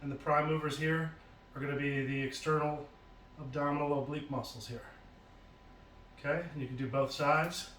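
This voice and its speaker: Brief: male fitness instructor, slightly high, even delivery, casual demo patter, roomy echo from a distant camera. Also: moderate pace, slight background noise. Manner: explains while demonstrating moves, casual and plain. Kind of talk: exercise demonstration lesson. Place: home basement. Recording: roomy echo from far off, faint ambience.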